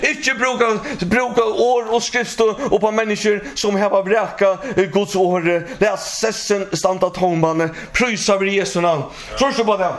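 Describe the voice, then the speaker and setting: A man's voice: high-pitched, fairly even intonation, few pauses. A man preaching a sermon, emphatic, often repeating words and restarting phrases.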